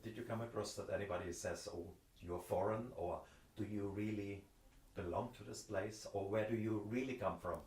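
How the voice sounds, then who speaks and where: A man's voice: fairly low pitch, fairly even intonation, moderate pace, darkish tone. A man interviewer asking brief, plain questions in an oral history interview. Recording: distant, echoey room sound.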